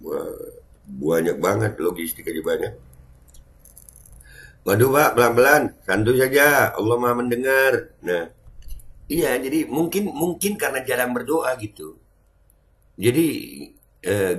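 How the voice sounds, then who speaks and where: A man's voice: medium pitch, expressive, measured pace, pauses often, a bit bright. A middle-aged man, hosting a casual reaction commentary in a mocking, chatty way with his audience. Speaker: host.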